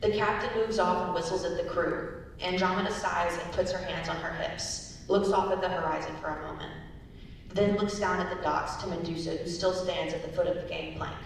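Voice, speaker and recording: Brisk and creaky-voiced, a young woman reads out stage directions at a dramatic reading, holding a steady tone. The sound is distant and hissy, with rumble and heavy echo from the hall.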